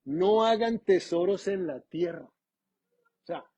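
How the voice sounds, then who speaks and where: Husky, high-voiced male preacher. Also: slow, muffled recording. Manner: animated, conversational preaching with humor. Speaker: pastor. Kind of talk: sermon.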